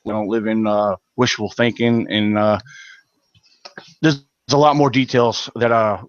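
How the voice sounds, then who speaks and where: Hosting a live stream, a man reads viewer comments aloud and offers blunt, heated opinions, full of fillers and restarts. His lowish voice is steady and unhurried, and the lo-fi audio carries a little hiss or hum.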